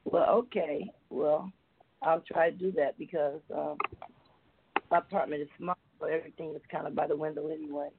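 A woman's voice: low voice, steady tone, moderate pace, creaky, noisy background. A woman calling in to a radio show over a phone line, rambling and hesitant with many fillers. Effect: caller heard over a phone line.

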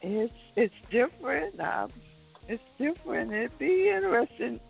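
A co-interviewer asking questions in a hesitant, halting way over the phone. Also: medium pitch, sing-song, gravelly, husky, faint music behind. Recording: tinny phone line.

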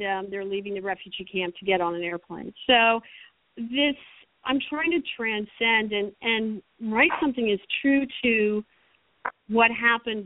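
A middle-aged American woman, a screenwriter, joins a phone-in interview as a guest, speaking passionately and rambling with many restarts. Her voice is medium-pitched with no echo, heard over a tinny phone line.

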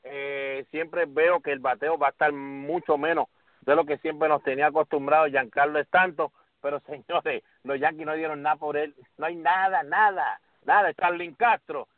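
A man hosting a casual sports podcast, talking in an animated way and calling his co-host by name. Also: on the high side, normal speed, no room sound. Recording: tinny phone-like audio.

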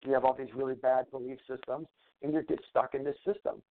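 A natural medicine practitioner is guesting on a talk show, heard through a tinny line that sounds like a phone. He speaks quickly in a steady, mid-range voice. Rambling casually in conversational interview style, he keeps repeating words while laying out his advice.

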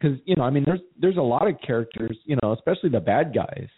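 A man's voice: medium pitch, animated, fast, husky. Man, co-host, casual talk, rambling and self-repeating, tinny phone-like sound. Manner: rambling, repeats words while thinking aloud. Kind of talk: casual conversation.

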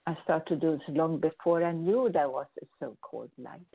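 Low gravelly woman on a tinny line. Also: fairly quick. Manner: earnest, rambling with restarts. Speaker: host answering listener questions. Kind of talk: spoken advice talk. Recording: tinny phone-like audio.

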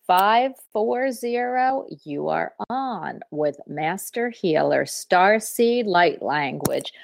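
A woman's voice: medium pitch, vocal fry, dry recording, clean studio sound. A woman hosting a live phone-in talk show, chatting casually in an effusive, affectionate way. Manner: effusive, uses endearments.

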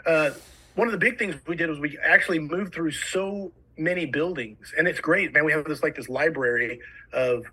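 A man's voice: a little high, pushed and bright, breathy edge, low-quality recording. A man with a New Jersey accent, a fire service instructor eagerly telling stories as a podcast guest. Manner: eager, rapid storytelling. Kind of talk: casual podcast conversation.

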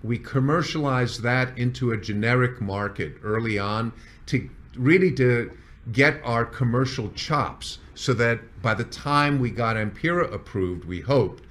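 A man speaking as a chief executive and founder, recounting company history in measured executive storytelling, as if addressing staff. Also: mid-range voice, fairly bright tone.

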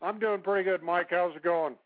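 A man's voice: sits high, fairly even intonation, fairly quick, no room sound. A middle-aged man from Texas chatting casually as a caller on a phone-in show. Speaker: phone-in caller, regional coordinator. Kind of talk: casual chat. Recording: dull lo-fi phone line.

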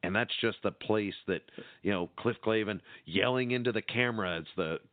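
A man's voice: lowish voice, normal speed, no room sound. A man co-hosting a podcast, telling a nostalgic story in casual chat with wry asides. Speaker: podcast co-host. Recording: dry, phone-like narrow sound.

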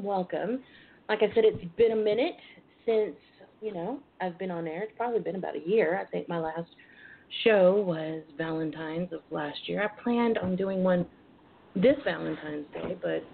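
A woman's voice: lowish voice, creaky. Sassy woman hosting over a phone-like line. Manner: sassy, bawdy, uses endearments. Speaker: radio talk show host. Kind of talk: casual, chatty internet radio hosting. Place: front porch at home. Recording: phone-like internet radio line with hiss.

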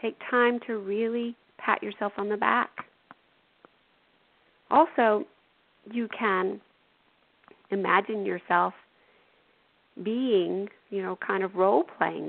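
Female radio host for spiritual self-help, gentle coaching tone, gravelly voice, tinny phone-line audio. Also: mid-range voice, fairly even intonation, unhurried, pauses often. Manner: gentle, coaching, adds "you know" and "right". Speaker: radio show host and intuitive.

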